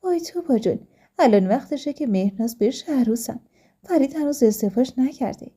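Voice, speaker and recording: A woman's voice: high-pitched, breathy edge. A woman voicing an eager middle-aged mother who wants a bride for her son, in a told story. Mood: excited. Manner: excited, eager.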